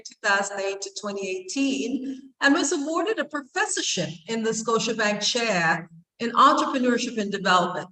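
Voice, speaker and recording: A woman's voice: a little high, sharp tone. A woman co-chairing a forum over a video call, speaking graciously and formally while reading a guest's bio. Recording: echoey room over a call.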